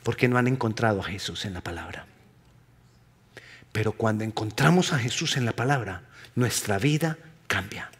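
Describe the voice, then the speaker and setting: A male pastor preaching a sermon emphatically, swinging between loud passages and hushed ones. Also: on the low side, brisk, pauses often.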